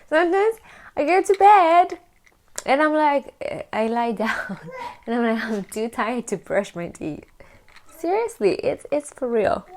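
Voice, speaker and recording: A woman, chatting candidly to camera as a vlogger and laughing often. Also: a little high. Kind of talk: casual chat to camera.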